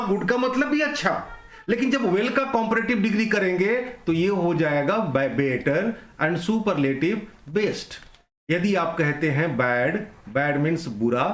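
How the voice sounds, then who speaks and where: A man's voice: on the high side, echoey room. A man teaching an online grammar lesson, explaining rules step by step and repeating the key points.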